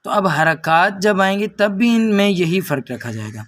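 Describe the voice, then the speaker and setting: A man teaching Quran reading, slowly drawing out each syllable in drills, then explaining briskly. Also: sits high, very animated, fairly bright tone. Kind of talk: recitation lesson with drills.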